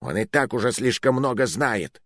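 A man's voice: medium pitch, expressive, normal speed, no echo, studio quality, voice pushed up, lightly acted. A man doing a grumpy fat little rogue. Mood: irritable. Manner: snappish, grumbling. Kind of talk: audiobook narration.

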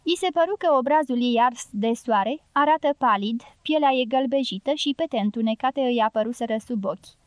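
Woman reading an audiobook, steady measured voice, a bit high, dry studio sound. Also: no echo. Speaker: audiobook narrator. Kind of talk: scripted narration of a novel.

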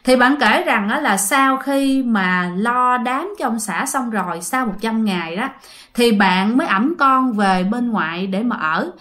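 A woman with a Southern Vietnamese accent hosts a channel where she narrates listener ghost stories. Her voice is a little high and fairly bright, with lively intonation at an unhurried pace. She keeps it chatty and speaks directly to her audience.

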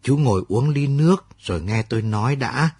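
A man reading the part of an elderly village mother who speaks calmly and steadily in a radio story. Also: medium pitch, brisk, breathy edge, no room sound. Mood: calm, resolute. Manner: calm, steady and plain.

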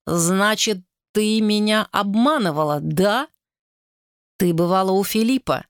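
A woman voicing a jealous betrayed husband who speaks in slow, heavy accusations, in a storybook reading. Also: high-pitched, a bit bright, clean tone, no echo, clean studio sound. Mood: accusing.

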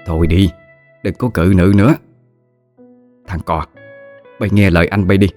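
A man's voice: low-pitched, fairly even intonation, moderate pace, a little mellow, soft background music, natural voice. A man voicing a worried peasant mother in her fifties who wails and pleads. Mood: pleading. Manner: wailing, pleading.

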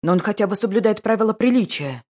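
An indignant young aristocrat defends his sister with hissing, gloomy words, as a woman narrator voices him. The voice is husky and low. It is an audiobook. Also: expressive, normal speed. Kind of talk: audiobook character voice.

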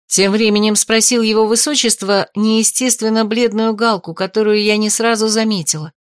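A woman narrating a story in the first person, in a steady, even reading manner. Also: medium pitch, normal speed, no room sound, studio quality. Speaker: audiobook narrator.

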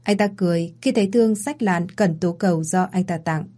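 A woman narrating a first-person audio story at a steady storytelling pace. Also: lowish voice, fairly quick.

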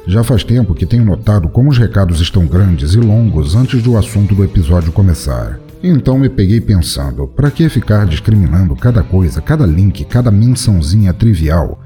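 A man with a Brazilian Portuguese accent hosts an audio drama podcast, his voice sitting low. He reads out notices and thanks in a theatrical, playfully dark tone.

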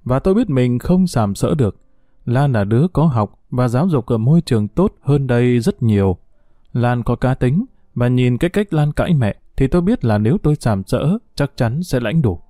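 A man narrating a first-person story in a calm, measured way. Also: medium pitch, dry recording, clean studio sound.

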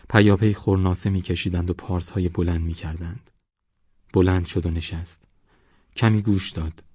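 Husky deep-voiced male audiobook narrator. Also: dark tone, no echo, lo-fi sound. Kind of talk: scripted novel narration.

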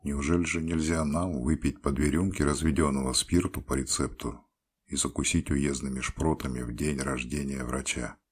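A man reading a literary story aloud in the first person, measured and expressive. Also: extremely low pitch, husky. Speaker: audiobook reader. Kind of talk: scripted literary narration.

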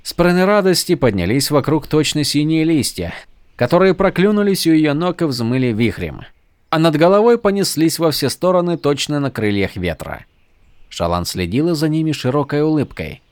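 A man narrating an audiobook with a lively, expressive reading. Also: on the high side, normal speed, smooth, dry recording. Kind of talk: scripted narration.

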